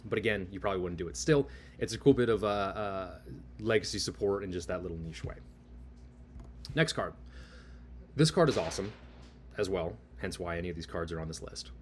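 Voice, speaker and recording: A man with a deep voice talks through a casual card game review. He gushes with enthusiasm while explaining, punching important words. Faint noise sits behind his voice. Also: fairly even intonation, brisk. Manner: gushing, enthusiastic. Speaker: card game content creator.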